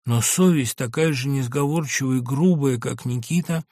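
A man narrating a classic literary story in an audiobook, measured and expressive. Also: medium pitch, no room sound, clean studio sound.

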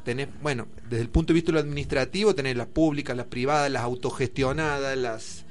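A man's voice: mid-range voice, fast. A man with an Argentine accent, explaining figures in a discussion program and thinking aloud with fillers. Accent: Argentine Spanish.

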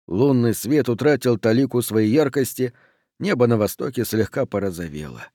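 A man's voice: mid-range voice, warm tone, no room sound. Man reading an audiobook, dry sound. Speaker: narrator. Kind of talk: audiobook narration.

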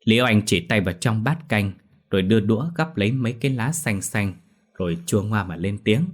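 A man telling a ghost story with steady, dramatic scripted narration. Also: on the low side, a little fast. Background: faint music.

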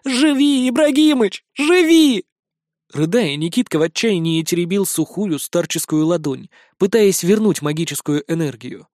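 A man narrates a children's fantasy audiobook with an expressive, dramatic delivery. His voice sits high for a man. The recording is dry and close, with no room sound. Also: moderate pace, hardly any pauses, dry recording.

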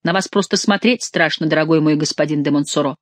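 A woman's voice: low voice, quick pace, no echo. Saint-Luc, a woman doing a teasing young nobleman. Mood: mocking. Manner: teasing, mock-polite. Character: mocking ironic young male nobleman.

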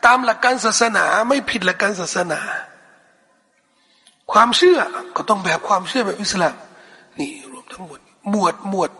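Male preacher, high voice, bright tone, husky edge, long hall echo, rhetorical questions. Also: moderate pace. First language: Thai. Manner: rhetorical questions answered himself. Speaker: Islamic preacher. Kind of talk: Quran commentary lecture.

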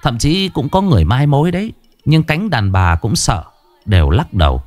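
A man narrating a ghost story in an expressive, dramatic reading. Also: medium pitch, moderate pace, soft background music.

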